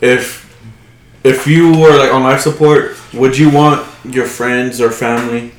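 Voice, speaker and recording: A young man in a casual podcast chat, relaxed, asking questions and swearing offhandedly. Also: mid-range voice, unhurried. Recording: echoey room.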